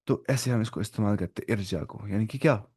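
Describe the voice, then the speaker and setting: A man's voice: on the low side, fast, darkish tone, slightly rough. Man, Urdu-speaking accent, online Arabic teacher, looks up words, corrects himself. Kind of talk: online language lesson.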